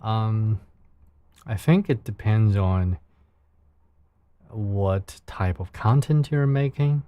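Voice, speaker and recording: Chatting casually with his livestream viewers, a man from China speaks slowly in a fairly low, mellow, soothing voice with a Chinese accent. His second-language phrasing is careful and searching, and the audio is dull with no echo.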